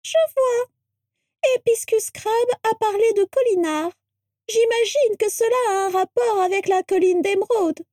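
A high, shrill old witch trapped in a portrait fusses and scolds in a thin, rattling voice. Her voice lies far above the reader's own and sounds strained and unusual. The recording is dry and close. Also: measured pace, darkish tone, no echo. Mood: fretful curious. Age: older. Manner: anxious, scolding, grateful.

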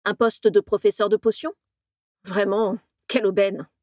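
A woman's voice: mid-range voice, little pitch movement, normal speed, a little mellow, no room sound, clean studio sound, close to an everyday voice. A woman voicing a jealous young male wizard who speaks with bitter sarcasm.

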